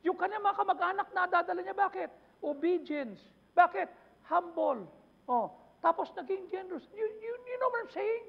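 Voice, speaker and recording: A man's voice: extremely high pitch, lively intonation, moderate pace, vocal fry, lo-fi sound. A man preaching a sermon as pastor, impassioned, throwing out rhetorical questions. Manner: impassioned preaching mixing Tagalog and English, repeated rhetorical questions. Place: church.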